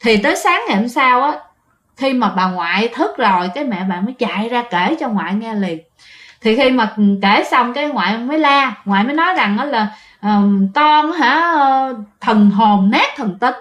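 A woman with a Southern Vietnamese accent tells a ghost story in an easy, chatty way. Her voice sits a little high, and she keeps turning to her listeners and circling back over her own phrases. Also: lively intonation, a little fast, a bit bright. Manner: chatty, addresses listeners often, repeats phrases. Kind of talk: spoken ghost story telling.

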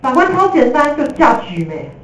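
A woman teacher with a Taiwanese Mandarin accent gives a lively, jokey classroom lecture, slipping in English terms. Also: high-pitched, moderate pace. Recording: echoey room from a distance.

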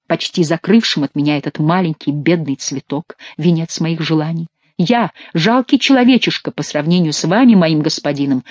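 An audiobook reader voicing a scheming, flattering nobleman count in a dramatic reading. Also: mid-range voice, no room sound, lightly acted.

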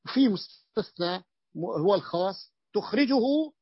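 A man's voice: high-pitched, lively intonation, unhurried, slightly rough, no echo. A man teaching a grammar lesson as sheikh, explaining and quizzing his students with frequent restarts. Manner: explanatory, asks students questions, many restarts. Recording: dull lo-fi dry recording.

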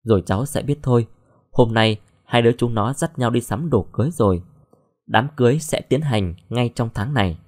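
A man's voice: medium pitch, moderate pace, a little mellow, close to an everyday voice. A man voicing a curt, dismissive older mother in an audio story. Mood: cold.

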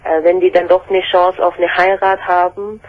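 A woman's voice: fairly low pitch, level tone, moderate pace. A 29-year-old woman from Korea calling in to a radio show, speaking hesitantly and searching for words. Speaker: caller. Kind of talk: phone-in call. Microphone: telephone. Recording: dull lo-fi phone line.

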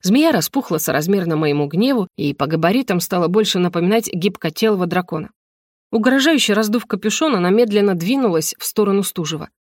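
A woman narrating a first-person fantasy novel in a lively storytelling voice, with a wry, ironic edge. Her pitch sits in the middle of the range. The recording is dry and close, with no room sound. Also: fast talker, no echo. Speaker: audiobook narrator.

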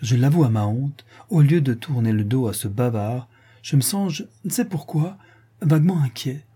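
A man reading an audiobook and voicing a remorseful young soldier making a halting confession. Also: medium pitch, lively intonation, mellow, husky. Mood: ashamed.

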